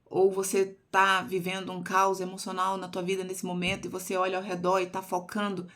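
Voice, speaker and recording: A woman, giving an earnest devotional Bible teaching and reading verses aloud slowly. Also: mid-range voice, monotone, fairly bright tone.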